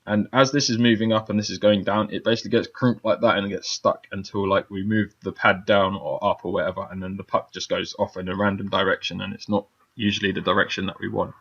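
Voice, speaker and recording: Low, chatty man with a dull lo-fi sound. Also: level tone, quick pace, vocal fry, fairly bright tone, husky. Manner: chatty, loose, many fillers and check-in "yeah?"s. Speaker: game development teacher. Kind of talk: casual screen-recorded software tutorial.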